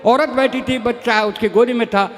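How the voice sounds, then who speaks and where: A man with a very high voice tells comic stories at a live poetry gathering. His delivery is folksy and chatty, and he speaks to the crowd as if to his brothers. The sound comes through a stage microphone, with a long reverb trailing behind each line. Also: steady tone, normal speed, soft background music. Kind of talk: stage comedy storytelling.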